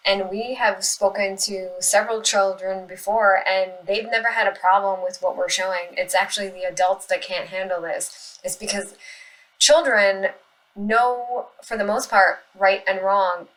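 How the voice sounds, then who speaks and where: A woman giving casual spoken commentary in response to online comments, arguing insistently and earnestly, with halting pauses as she looks for her words. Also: mid-range voice, steady tone, fairly bright tone, rough recording. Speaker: animal rights activist responding to comments.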